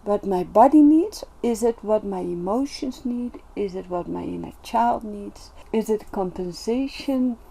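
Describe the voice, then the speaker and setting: A woman shares personal reflections in an unhurried vlog monologue. Her voice is mellow and soft-toned, her delivery gentle and earnest, with frequent pauses and restarts as she gathers her thoughts. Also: mid-range voice, animated, gravelly, husky. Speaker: self-development vlogger.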